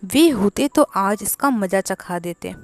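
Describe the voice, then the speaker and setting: A woman voicing a proud young wife from a wealthy family in a storybook reading, answering with sharp, dignified retorts. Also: mid-range voice, expressive, measured pace, no echo, faint music behind.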